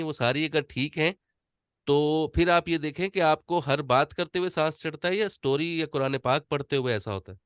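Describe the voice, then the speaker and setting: Guy teaching voiceover on a call, dry close sound, stops a lot to show pausing. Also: on the high side, fairly bright tone, smooth, dry recording. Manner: demonstrates reading with deliberate pauses. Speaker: voice-over teacher. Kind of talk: online voice-over class.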